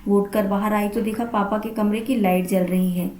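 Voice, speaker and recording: A woman narrating a family story in a steady storytelling delivery. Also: mid-range voice, moderate pace. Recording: roomy echo.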